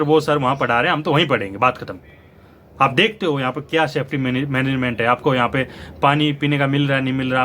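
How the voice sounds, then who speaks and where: A man's voice: fairly high pitch, a bit bright, slight background noise. A young man giving opinionated, lecturing commentary straight to his viewers as a news channel host. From India. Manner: lecturing, argumentative, addresses viewers directly.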